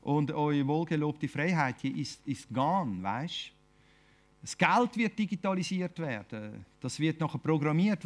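A man with a Swiss German accent preaching an informal sermon, talking conversationally and often ending phrases with a questioning tag. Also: a little high. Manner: conversational, keeps asking "oder?".

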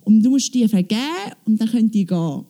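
Woman on stage, dark mellow voice, chatty testimony full of quoted dialogue. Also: mid-range voice, quick pace. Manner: animated storytelling, quoting with "ich so, sie so". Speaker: church member giving testimony.

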